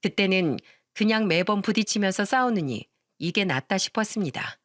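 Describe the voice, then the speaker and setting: A woman narrating a scripted first-person family drama in a calm, even way. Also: medium pitch, normal speed, no echo, clean studio sound. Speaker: storyteller.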